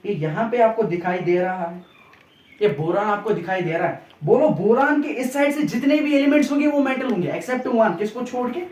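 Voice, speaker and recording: A man's voice: sits high, lively intonation, normal speed, darkish tone, distant mic. A man teaching a science lesson, repeating points, drilling memory tricks, and checking understanding with tag questions. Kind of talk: classroom-style science lesson. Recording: roomy echo, off-mic, faint background noise.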